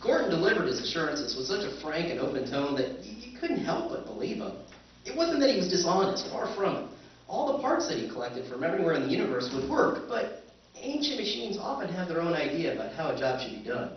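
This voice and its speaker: On a convention stage, a man acts in a staged old-time radio drama as a wry, skeptical planetary surveyor narrating his own tale. His fairly high voice swings widely in pitch and runs a little fast, with slight hiss or hum. The echoey recording sounds distant and dull.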